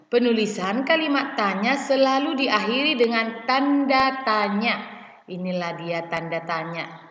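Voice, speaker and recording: A woman teaching a primary school lesson, explaining patiently and slowly, calling her pupils "child". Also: medium pitch, fairly bright tone. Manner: slow, patient, addresses pupils as "Nak". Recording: echoey room, slightly dull, faint noise.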